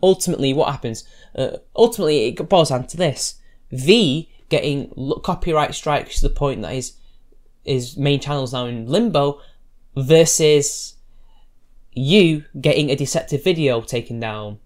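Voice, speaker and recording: Speaking at a moderate pace in a slightly mellow mid-range voice, a male YouTube commentator responds to posts with combative sarcasm. His talk is loose and rambling, with frequent restarts.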